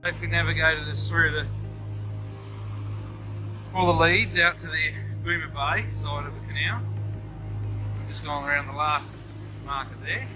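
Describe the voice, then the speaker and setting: A man's voice: on the high side, moderate pace, long pauses. Aussie guy chatting away on a boat, laid-back, phone mic outdoors, music playing over it. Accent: Australian. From Australia. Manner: relaxed, chatty running commentary. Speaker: sailing vlogger. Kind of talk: casual narration on a boat. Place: on a catamaran outdoors.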